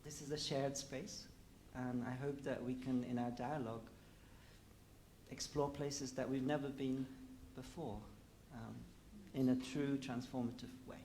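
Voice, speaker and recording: A man's voice: medium pitch, steady tone, unhurried, warm tone, a little hiss or hum. A man in his forties, born in Afghanistan, a panel guest speaking reflectively with many fillers. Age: 40s. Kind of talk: panel discussion.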